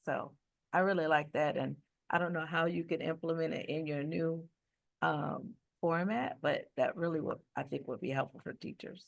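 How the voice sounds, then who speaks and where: A woman teacher speaking on a panel, recounting her experience in a relaxed, thorough way over a video call. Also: deep voice, normal speed, creaky. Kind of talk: panel discussion.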